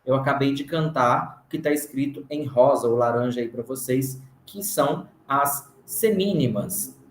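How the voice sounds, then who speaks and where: A Brazilian man teaching a recorded music theory lesson, explaining slowly and patiently and counting beats aloud. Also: mid-range voice, a little hiss or hum. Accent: Brazilian Portuguese. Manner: counts beats aloud and chants rhythm syllables. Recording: roomy recording.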